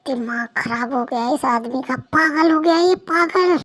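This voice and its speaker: A woman's voice: sits high, moderate pace, pitched below the performer's own voice, natural voice. A girl voicing a pleading captive young wife. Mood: muttering. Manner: pleading, exasperated. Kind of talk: amateur fan dub acting.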